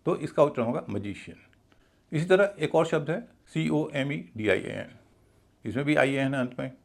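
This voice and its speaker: Man, pronunciation teacher, spells words letter by letter, slightly raspy, fry in the voice. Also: a little high, normal speed. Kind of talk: scripted lesson narration.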